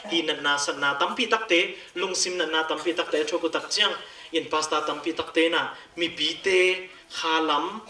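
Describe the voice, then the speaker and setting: A man's voice: sits high, pushed and bright. A man preaching earnestly to a church congregation. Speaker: pastor. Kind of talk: sermon. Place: church hall. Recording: echoey church hall, mic at a distance.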